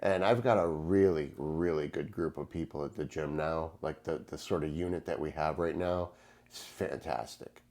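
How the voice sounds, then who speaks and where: A man's voice: a bass voice, normal speed, darkish tone. A man in his fifties who runs a gym, co-hosting a casual podcast and telling stories in a reassuring way. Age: 50s. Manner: reassuring, storytelling. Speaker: gym owner and co-host.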